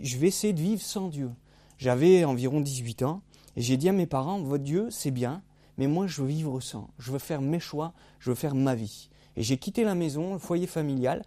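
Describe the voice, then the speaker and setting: High-voiced man giving a testimony. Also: mellow. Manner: storytelling, acts out quoted voices with big swings. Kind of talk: testimony sermon.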